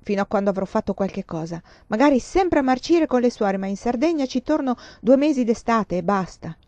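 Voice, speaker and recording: Woman reader voicing a mature woman writer, proud, weary, rueful, mellow tone, dull lo-fi recording. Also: fairly high pitch, lively intonation, brisk, no echo, pitched above the performer's own voice, lightly acted. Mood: defiant. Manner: speaks in bursts, intense and rueful.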